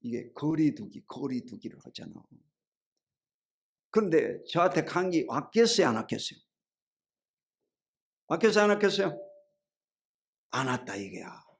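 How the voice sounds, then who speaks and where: During his sermon, a middle-aged male pastor talks at a moderate pace with big pitch swings, vocal fry and frequent pauses. He spins homely stories colloquially, shifting from loud to low, and asks rhetorical questions while calling for amens.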